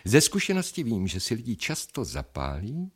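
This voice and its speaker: An actor playing a calm male psychiatrist in a radio drama, measured and soothing as he steers the talk. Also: mid-range voice, husky, full character voice. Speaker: psychiatrist and narrator.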